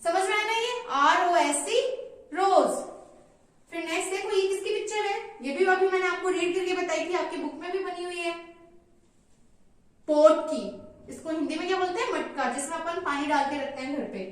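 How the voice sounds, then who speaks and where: High-voiced teacher woman in an echoey room. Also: fairly even intonation. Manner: slow, sing-song teacherly spelling-out, coaxing questions. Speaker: kindergarten teacher. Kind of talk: online phonics lesson for small children.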